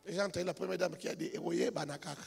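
A man preaching a sermon as a pastor, telling a story quietly and then building up to shouted, half-sung exhortation. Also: a little high, fairly even intonation, very fast, gravelly, slightly rough. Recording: reverberant hall with music behind.

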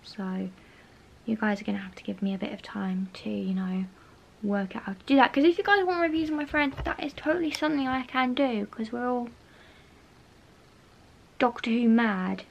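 A woman's voice: on the high side, normal speed, creaky, muffled recording, slight background noise. Young woman vlogging, rambling and repetitive. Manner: rambling, repeats herself, drops to a whisper at times. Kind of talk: casual vlog chat. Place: bedroom at home, indoors. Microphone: handheld camera close to face.

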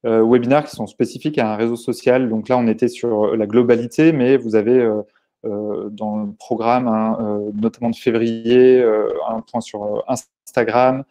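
A man's voice: medium pitch, fairly even intonation, moderate pace, warm tone. A man moderating a live webinar, relaying audience questions with many hesitations and fillers.

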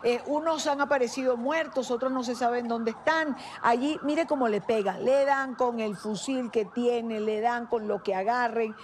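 A woman's voice: a little high, moderate pace, hardly any pauses, a little hiss or hum. Hesitant woman interviewing on TV news. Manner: hesitant, many fillers and restarts. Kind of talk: live television interview.

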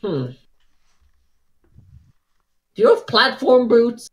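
A woman's voice: on the high side, lively intonation, drawn-out words. A young woman player chatting casually at a tabletop game, hesitant and musing, with lots of hmms.

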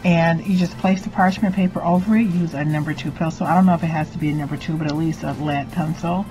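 A middle-aged woman hosting a craft vlog, speaking in a theatrical, gushing way with drawn-out emphasized words. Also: deep voice, fairly even intonation, rough recording. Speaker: craft channel host, doll artist. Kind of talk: vlog and DIY tutorial. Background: music.

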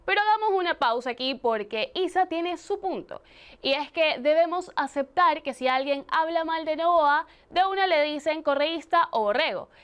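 A woman's voice: high voice, expressive, moderate pace, fairly bright tone. A young woman presenting a satirical student news show in a studio, playful and sarcastic, on a lapel mic. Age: young adult. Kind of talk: scripted satirical news reading.

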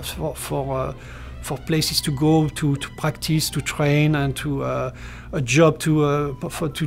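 Gravelly French-accented man, hesitant. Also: fairly high pitch. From France. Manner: hesitant, many fillers and restarts. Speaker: character designer. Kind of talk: interview. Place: indoor studio room.

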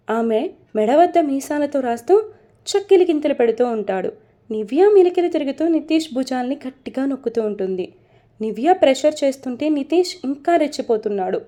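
A woman narrating a romance story from a script in a steady, even reading voice. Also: high-pitched.

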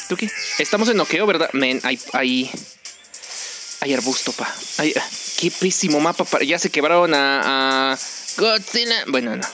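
A young man with a Mexican accent, doing excitable, joking commentary while playing a game with friends. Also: mid-range voice. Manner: joking, excitable, teasing teammates. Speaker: gaming streamer. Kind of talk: casual gameplay commentary.

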